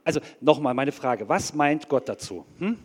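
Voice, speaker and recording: An actor playing an anxious, earnest bank clerk who rambles hesitantly as a polite caller in a comedy sketch. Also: male voice, mid-range voice, expressive, normal speed, husky, long reverb tail. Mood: unsure, wistful.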